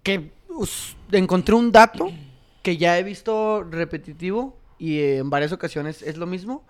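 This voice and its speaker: A man's voice: high voice, measured pace. A young man with a Mexican accent hosting a casual chat, slangy and joking. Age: young adult. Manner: slangy, joking, reads viewer comments aloud. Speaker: host.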